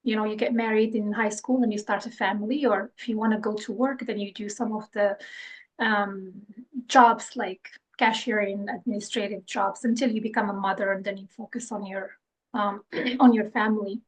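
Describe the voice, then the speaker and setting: A woman's voice: medium pitch, steady tone, moderate pace, poor audio. Hesitant Moroccan-born woman guest. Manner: hesitant, many restarts and fillers. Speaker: podcast guest, clinical scientist. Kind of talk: conversational interview.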